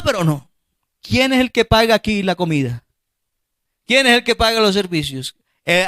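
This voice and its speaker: A male pastor with a Colombian Spanish accent preaching a passionate sermon, rising to shouts and acting out the voices of parents and children. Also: extremely high pitch, no room sound.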